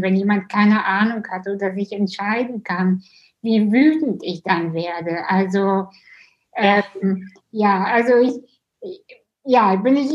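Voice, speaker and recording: A woman's voice: medium pitch, muffled recording. A woman from Kazakhstan hosting a casual interview and asking personal questions. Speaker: host.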